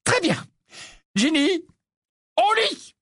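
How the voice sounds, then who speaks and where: A fierce, shrill mother figure in a spoken storybook, as a male reader puts her on — very high and loud, flaring with protective anger. The voice is husky, and the delivery swings widely. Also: big pitch swings, moderate pace, dry recording, studio quality, heavily acted. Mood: curt. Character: fierce protective mother, middle-aged woman.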